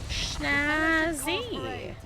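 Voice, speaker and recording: A woman in her twenties gives casual commentary while streaming a game, her high voice stretching words out over background noise. She rambles from one thought to the next and laughs often.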